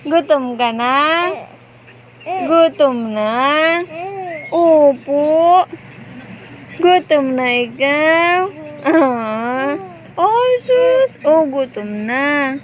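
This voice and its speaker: A woman's voice: high-pitched, expressive, very slow, long pauses, a little hiss or hum. A woman with a Filipino accent talking to a baby in playful, sing-song baby talk, repeating short questions and nonsense syllables. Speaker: parent or carer of a baby.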